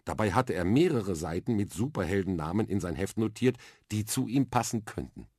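A man reading a children's story aloud, with lively, expressive narration at a close studio mic. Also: lowish voice, brisk, breathy edge, no room sound. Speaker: reader.

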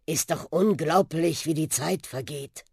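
A woman's voice: low voice, measured pace, a little mellow, husky, no room sound, clean studio sound, exaggerated voice. A woman voicing a sentimental old male talking bus that sighs as he speaks, in a storybook reading. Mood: wistful. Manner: wistful, sighing.

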